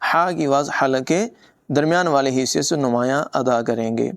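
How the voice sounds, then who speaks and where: A man teaching tajweed, giving brisk explanations between slow, drawn-out melodic recitation. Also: medium pitch, fairly even intonation.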